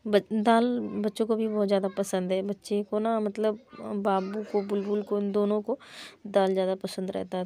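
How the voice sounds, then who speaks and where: Plain-spoken young mother, flat gravelly voice. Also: medium pitch. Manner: plain, chatty, repeats "to" as a filler. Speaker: mother vlogging her household day. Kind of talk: casual cooking vlog narration. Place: small home kitchen.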